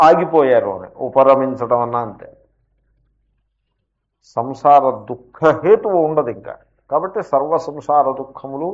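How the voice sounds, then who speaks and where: A man teaching scripture as a spiritual teacher, explaining patiently and posing rhetorical questions with slow, emphatic asides. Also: mid-range voice. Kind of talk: scripture lecture with commentary. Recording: dull lo-fi lecture recording.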